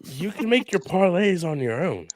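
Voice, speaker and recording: A man co-hosting a podcast, hoarse and winded from a lingering cough, talking bluntly and casually. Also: sits high, very animated, moderate pace, dry recording, clean studio sound. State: hoarse after coughing fit. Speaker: podcast co-host. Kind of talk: casual sports chat.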